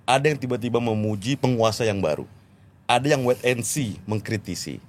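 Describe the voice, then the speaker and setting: A man's voice: mid-range voice, normal speed. A man hosting an interview, asking questions politely and addressing his guest respectfully, often agreeing along the way. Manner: deferential, addresses guest as elder brother, frequent agreement. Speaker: interviewer, host.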